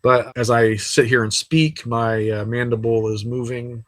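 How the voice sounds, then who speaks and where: A man's voice: mid-range voice, steady tone, unhurried, no room sound, poor audio. A man teaching anatomy in a casual, chatty recorded lecture over slides, with frequent fillers. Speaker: anatomy instructor. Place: sitting while recording.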